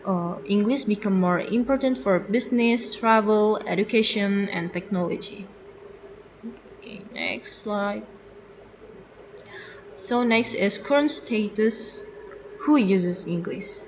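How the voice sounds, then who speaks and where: A young woman reads through a class slide presentation at a slow, careful pace. She hesitates often, restarting words and filling gaps with "uh". Faint noise sits under her voice. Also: medium pitch, rough recording. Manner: hesitant, with fillers and self-corrections. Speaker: student presenter.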